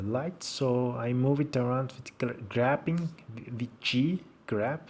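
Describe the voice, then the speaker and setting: Slow-talking man with a Turkish accent. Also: mid-range voice, a little mellow, slight background noise. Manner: halting, short fragmented phrases in non-native English. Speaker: tutorial presenter. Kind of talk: informal software screencast tutorial.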